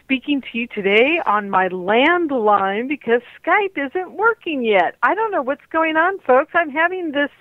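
A woman's voice: high voice, animated, measured pace, hardly any pauses, no room sound. A woman hosting a radio show over a landline phone, talking in a rambling, candid and discouraged way. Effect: calling in over a landline phone. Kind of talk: unscripted monologue. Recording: tinny dry phone line.

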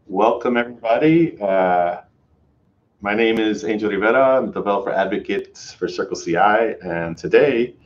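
A man with a very low voice hosts a tech livestream in loose, casual chat. He rambles and restarts his sentences, filling gaps with "uh" and "um". The stream audio sounds dull and lo-fi. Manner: rambling, many fillers and restarts. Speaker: host, developer advocate.

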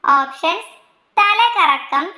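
A woman reading out quiz questions, their options and the answers in a slow, measured way, dropping her pitch for each list of options. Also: animated, bright, forceful tone, roomy sound. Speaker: quiz reader.

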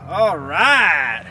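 Brief: nasal, teasing man, animated delivery, outdoor camera audio. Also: sits high, a little hiss or hum. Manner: joking, teasing. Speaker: vlog host filming disc golf. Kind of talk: casual banter. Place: outdoor disc golf course.

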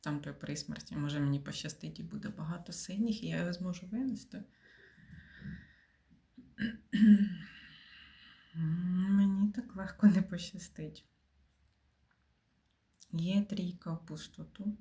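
A woman's voice: fairly low pitch, slow pace, pauses often, dark tone. A woman giving casual commentary while playing a puzzle game, thinking aloud and often dropping to a mutter or whisper. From Ukraine. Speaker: game streamer.

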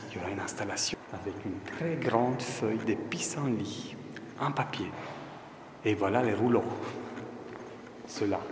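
Holding the camera at arm's length, a man in his forties with a French accent talks casually to viewers he calls friends in his artist vlog. His pitch is fairly low, and the background is noisy, with music and long reverb from the large empty exhibition hall.

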